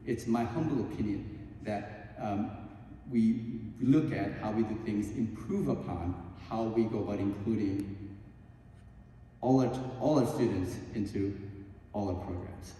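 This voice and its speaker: A man answering at a candidate forum, earnest and halting with many ums and restarts. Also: on the low side, mellow. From Korea. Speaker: school board candidate. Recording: echoey hall, distant mic, faint hum.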